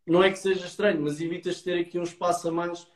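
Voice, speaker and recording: Offering website advice in a relaxed chat, this European Portuguese-accented man talks very fast in a high, flat voice. He explains as he goes and keeps tossing in brief tag questions, with the sound bouncing around an echoey room.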